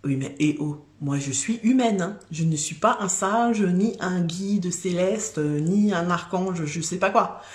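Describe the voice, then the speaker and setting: A woman's voice: fairly low pitch, unhurried, hardly any pauses, darkish tone. A woman who has children, reading tarot cards on a live stream in a chatty, casual way, with many fillers and restarts. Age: adult with children. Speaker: tarot card reader.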